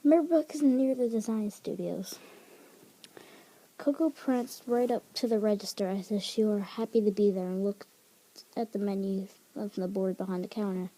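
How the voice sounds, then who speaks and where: A woman's voice: mid-range voice, normal speed, mellow, poor audio. A woman reading a fan fiction story aloud in an informal way, stopping to correct her own slips.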